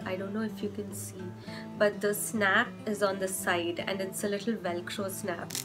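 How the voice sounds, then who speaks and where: A young woman with a mid-range voice gives chatty parenting advice in a casual vlog. A cold has left her hoarse, and she keeps pausing to rephrase, leaning on fillers.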